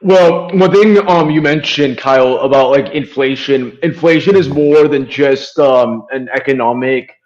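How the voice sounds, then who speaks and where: A man's voice: mid-range voice, measured pace, few pauses, a little mellow, highs cut off. A man from Venezuela, a podcast guest talking politics in a rambling way with many fillers and restarts. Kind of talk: casual political discussion.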